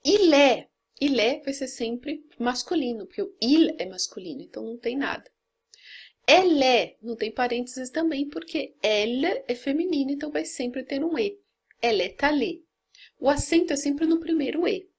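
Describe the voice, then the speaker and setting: A woman's voice: high voice, animated, normal speed, breathy edge. A Brazilian woman teaching French grammar, explaining patiently step by step and often checking in with "né?". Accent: Brazilian Portuguese.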